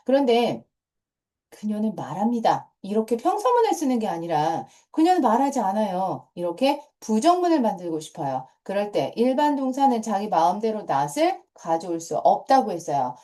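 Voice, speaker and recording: At a medium pitch and normal pace, this mellow, very animated middle-aged woman explains English grammar to middle school students. Key points get repeated patiently, and many of her phrases begin with the short cue "자".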